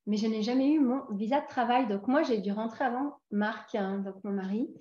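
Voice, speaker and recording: A woman in her forties from France speaks on the high side and a little fast as a guest in a casual interview. She talks hesitantly, with many fillers and restarts, and the recording has a roomy, dull lo-fi sound.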